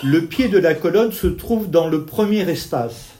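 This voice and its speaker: A man gives an evening art history lecture, walking listeners through a painting detail by detail. His voice sits a little high for a man yet sounds mellow and dark in tone. He explains patiently and points at the picture as he talks. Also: a little slow. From Italian family background.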